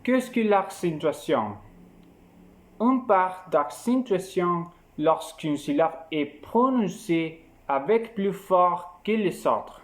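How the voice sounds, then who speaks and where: A man narrating a scripted lesson in a slow, measured, explanatory way. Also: high voice, expressive. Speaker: teacher.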